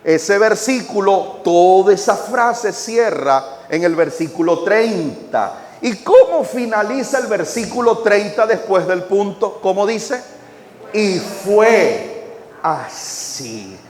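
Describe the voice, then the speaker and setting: A high-voiced man preaching a sermon in a big, echoing church hall. He talks slowly, stretches his phrases, and makes the congregation say his lines back. His pitch swings widely between hushed words and shouted high points. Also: expressive, slight background noise. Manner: calls the congregation to repeat phrases; swings from quiet drawn-out phrases to shouted emphasis. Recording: echoey hall.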